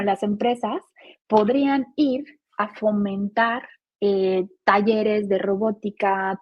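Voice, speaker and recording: Husky Mexican woman in her forties. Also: mid-range voice, dry recording, dull audio. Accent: Mexican Spanish. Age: 40s. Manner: earnest, explanatory, uses many rhetorical "¿no?" tags. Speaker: guest, gender and care policy specialist. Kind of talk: podcast interview.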